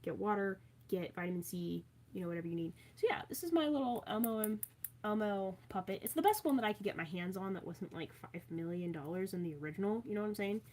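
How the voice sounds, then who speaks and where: On a live stream, a Maryland woman chats casually and reads viewer comments aloud, playful and full of fillers and asides. Her voice is medium in pitch and darkish in tone, animated and quick.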